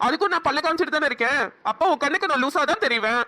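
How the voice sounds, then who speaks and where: A woman voicing a hot-tempered, scolding young man in a cartoon, angry and rapid. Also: sits high, lively intonation, pushed and bright, slight background noise. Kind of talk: cartoon voice acting.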